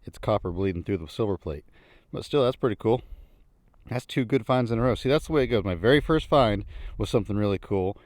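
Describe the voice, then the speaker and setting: A man's voice: fairly low pitch, expressive, brisk, a little mellow, no room sound, studio quality. A man narrating a casual outdoor treasure-hunting vlog in a folksy way, musing and thinking aloud as he goes. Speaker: vlogger narrating a treasure hunt. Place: outdoors in an old junkyard.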